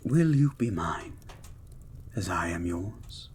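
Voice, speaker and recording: A man voicing a gentle, learned mutant beast as a devoted lover, speaking in a slow, hushed, formal and ardent way in a romantic audio roleplay. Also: low voice, animated, husky, pitched below the performer's own voice, exaggerated voice. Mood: intimate, devoted. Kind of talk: romantic poetry reading and intimate audio roleplay.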